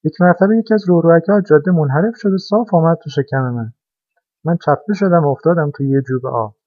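A man voicing an eager, boastful go-kart that tells its tale with lively excitement, as a storybook character. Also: on the high side, breathy edge, no room sound. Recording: dry, dull lo-fi recording.

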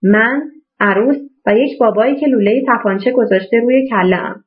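A woman's voice: on the high side, close to an everyday voice. Wry joking teenage boy, read by a woman. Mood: teasing. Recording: tinny phone-like sound.

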